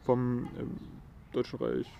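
A man's voice: medium pitch, monotone, slow, creaky, dark tone, a little hiss or hum. Man, casual study discussion, thoughtful, repeats words while thinking. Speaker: student discussing a historical document.

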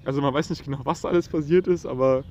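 A man's voice: a little high, rapid-fire, darkish tone, dull audio, slight background noise. A man in a casual study discussion, speaking thoughtfully, searching for words and repeating himself. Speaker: student discussing a historical document.

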